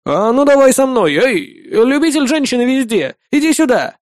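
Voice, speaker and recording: A rowdy male bartender shrieks and whoops with over-the-top glee, as a narrator puts him on. The voice leaps high and swings wildly. It sounds close and dry. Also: sing-song, moderate pace, darkish tone, no room sound, exaggerated voice. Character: exuberant, rowdy male bartender, loud show-off.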